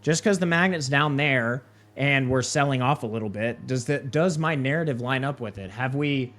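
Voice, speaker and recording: A man's voice: medium pitch, normal speed, fairly bright tone. A young man hosting a live trading session, walking through a platform in a casual way, with many fillers and tag questions. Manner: casual, filler-heavy, keeps asking "right?" and "okay?". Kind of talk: live screen-share walkthrough.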